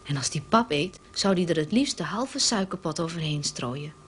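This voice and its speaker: A woman's voice: low voice, lively intonation, normal speed, slight background noise. Earnest woman telling a children's story. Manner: earnest, explaining plainly to children.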